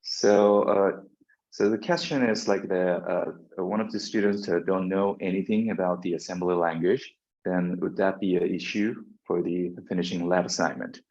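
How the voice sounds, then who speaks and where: Speaking steadily at a normal speed in a low, darkish voice, a man with Korean as his first language delivers a university lecture. He frequently uses fillers and restarts his sentences, and the recording is dull and lo-fi.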